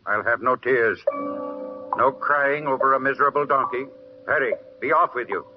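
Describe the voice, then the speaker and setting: A man's voice: mid-range voice, normal speed, music in the background, close to an everyday voice. An actor playing a stern, hard-hearted peasant father who gives curt commands, in an old-time radio drama. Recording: muffled old radio recording.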